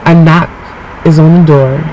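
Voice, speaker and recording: A man casually telling personal stories in animated, profane, slangy talk, acting out what people said. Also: fairly high pitch, unhurried, slight background noise, poor audio. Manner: animated, profane, slangy, acts out quoted speech. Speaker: storyteller.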